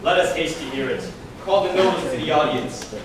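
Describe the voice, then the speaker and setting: Man as commanding young prince, amateur Shakespeare stage drama, slightly high voice, distant, reverberant. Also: fairly quick, a crowd in the background, close to an everyday voice. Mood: formal, commanding. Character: Fortinbras, commanding young prince claiming a kingdom. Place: school theater stage, recorded from audience. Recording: distant, echoey hall recording, clear noise.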